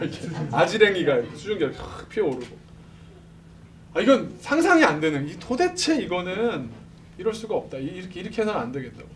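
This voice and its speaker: A man telling a lively testimony to a church congregation, acting out the voices of the people in his story and laughing often. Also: a little high. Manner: animated, acts out quoted voices, laughs often. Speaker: speaker at a church service. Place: church sanctuary. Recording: distant mic with background noise.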